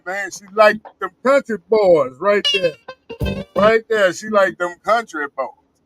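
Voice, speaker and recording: A man hosting a casual interview show, upbeat and giving shout-outs to viewers. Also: sits high, takes it slowly, music in the background, poor audio. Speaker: show host.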